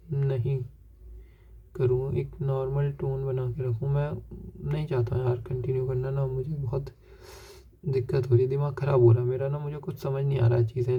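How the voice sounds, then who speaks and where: Young man, dark mellow voice, flat delivery, rambling confessional vlog, lo-fi sound. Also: medium pitch. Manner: rambling, self-searching, repeats "ठीक है" as filler. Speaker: vlogger. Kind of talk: personal confessional monologue.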